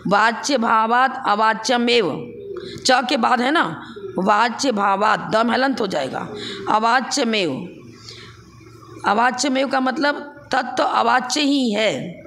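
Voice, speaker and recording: A woman gives a scripture lecture in a fairly high, gravelly voice. She works through the text point by point and puts questions back to her listeners. A faint murmur of ambience sits behind her. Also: fairly bright tone, a little hiss or hum. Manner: explains step by step, with rhetorical questions. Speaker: scripture teacher.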